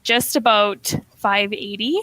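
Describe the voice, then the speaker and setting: Speaking slowly at a medium pitch with a sharp tone, a young woman in her twenties, who teaches middle school, is a chatty podcast guest. She laughs a lot and sprinkles in "like" and "um" throughout the casual interview. The recording is dry and poor.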